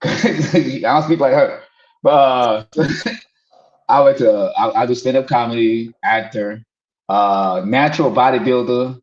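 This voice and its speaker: A man's voice: medium pitch, measured pace, roomy sound, highs cut off. A man from Haiti, a comedian on a panel, chatting casually and teasing with frequent laughs over a video call. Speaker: panelist, stand-up comic. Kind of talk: casual joking chat.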